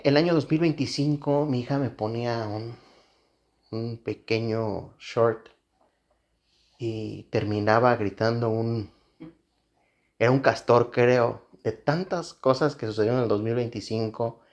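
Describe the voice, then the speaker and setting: A man's voice: medium pitch, unhurried. A man, a pastor, preaching a sermon in an earnest way, repeating phrases for emphasis.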